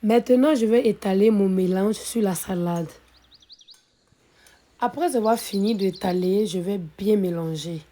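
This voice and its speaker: A woman hosting a cooking video, calmly narrating each recipe step, her voice a little hoarse from being ill. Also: mid-range voice, a little slow. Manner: calm, methodical, repeats set phrases. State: slightly hoarse from illness. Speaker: cooking channel host.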